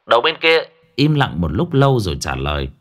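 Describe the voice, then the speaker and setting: A man narrating a horror story in a dramatic, expressive way. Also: medium pitch, a little fast.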